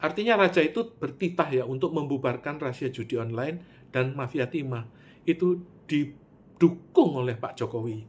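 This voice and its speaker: A man delivering a spoken monologue, swinging from loud, high bursts to low, quiet asides. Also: moderate pace. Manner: animated storytelling, with sudden loud pitch jumps and drops to near-mutter; Javanese words mixed in.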